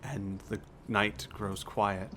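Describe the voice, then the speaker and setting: A man's voice: fairly low pitch, steady tone, slow pace, background noise. A man narrating a tabletop game as game master, mixing dramatic storytelling with casual asides.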